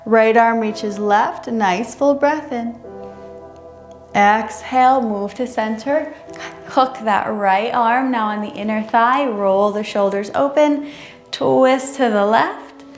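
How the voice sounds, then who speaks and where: Female yoga instructor, slightly high voice, careful and unhurried guidance, roomy sound. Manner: careful, unhurried, measured delivery. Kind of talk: guided chair yoga instruction. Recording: roomy echo, music underneath. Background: music.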